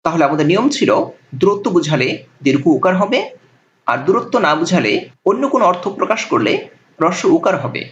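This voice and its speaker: A man's voice: high-pitched, expressive, brisk, pauses often, muffled recording. A man, a college language lecturer, explaining spelling rules step by step with many examples in a recorded lesson. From Bangladesh.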